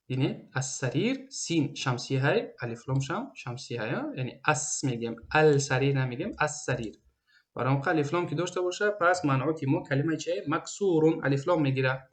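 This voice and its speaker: A man with a Tajik accent teaching an Arabic grammar lesson. He says each example sentence twice, then translates it patiently. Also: on the high side. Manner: patient, explanatory.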